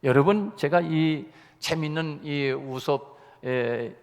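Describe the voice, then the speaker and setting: Male pastor, Sunday sermon, storytelling, slightly high voice, long church reverb. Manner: storytelling, animated with slowed emphasis. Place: church sanctuary.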